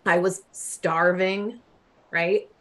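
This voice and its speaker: A woman in her forties, a guest telling a story in casual chat, animated, laughing often and swearing freely. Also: on the low side, extremely slow.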